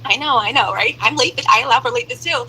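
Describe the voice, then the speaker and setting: A woman's voice: bright, forceful tone, slightly rough, low-quality recording. Sped-up chipmunk voice of a woman. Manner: blunt, joking, rapid asides. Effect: sped-up playback, chipmunk-like high voice. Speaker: live-stream commentator. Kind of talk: live-stream commentary.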